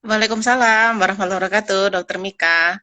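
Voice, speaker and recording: A woman's voice: medium pitch, quick pace, sharp tone. A woman answering as a guest dental expert on a live call, explaining in a reassuring but hesitant, informal way. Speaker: guest expert, pediatric dentist. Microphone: live video call.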